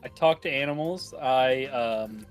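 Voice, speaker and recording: A man joking around as a tabletop game player on a voice call, stammering when excited. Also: medium pitch, a little slow, clear, resonant tone, soft background music. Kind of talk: casual chat on a voice call.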